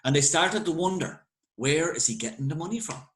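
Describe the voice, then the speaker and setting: A man with an Irish accent narrating a folk tale. He is lively and conversational, with a slightly higher than average voice and dramatic pauses. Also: a little hiss or hum, low-quality recording. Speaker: storyteller.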